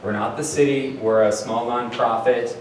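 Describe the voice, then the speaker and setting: A man's voice: medium pitch, steady tone, normal speed. A man leads a neighborhood town hall in a loose, conversational way, full of "um" and "you know." His voice rings through a very echoey room. He is picked up from some distance, with faint noise under it. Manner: conversational, many fillers. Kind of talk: public meeting address. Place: community meeting room.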